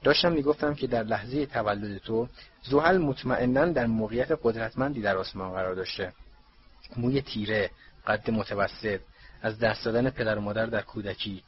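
A man voicing a dreamy, theatrical woman teacher of divination with an affected, drawn-out manner. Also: on the low side, muffled recording, a little hiss or hum, natural voice. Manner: affected, drawn-out, calls people dear.

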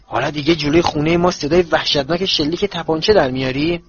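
A man's voice: on the high side, background noise, pitched above the performer's own voice, close to an everyday voice. Stout bullying uncle, voice quivering with rage, a male reader puts him on. Storybook reading, dull lo-fi audio. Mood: angry. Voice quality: voice shaking with anger. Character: furious bullying middle-aged uncle, stout, red-faced.

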